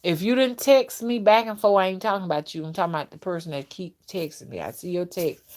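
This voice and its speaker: This woman in her early fifties has a fairly low, slightly mellow voice and talks fast. She hosts a livestream and creates content, chatting casually and speaking directly to her viewers, often checking in with "okay" and "you know."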